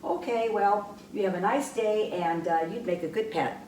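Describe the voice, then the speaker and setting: A woman presenting birds to children, chatting in a slow sing-song way with bird puppets. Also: mid-range voice, darkish tone. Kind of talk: children's educational talk. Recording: echoey room, mic far off, faint background hum.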